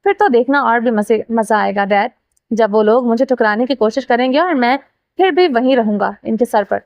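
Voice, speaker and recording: A cocky young man with a shameless, carefree swagger , read by a woman with a fairly high voice. He teases and brushes everything off. The sound is close and dry. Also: a little mellow, dry recording, lo-fi sound, lightly acted. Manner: teasing, carefree.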